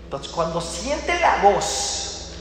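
Lively man teaching in an echoey hall. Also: high-pitched, drawn-out words, slight background noise. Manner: animated, acts out little dialogues and asks rhetorical questions. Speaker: religious teacher. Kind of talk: religious talk to an audience. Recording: very echoey hall with long reverb.

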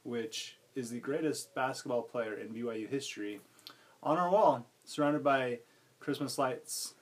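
A man's voice: medium pitch, unhurried, husky. A young man co-hosting a casual podcast, playful and teasing as he chats. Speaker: podcast co-host. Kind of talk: casual chat.

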